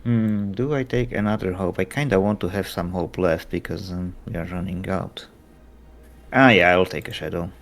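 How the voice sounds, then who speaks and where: A man's voice: low voice, fairly even intonation, moderate pace, soft background music. A man chatting casually as a player in a tabletop role-playing game.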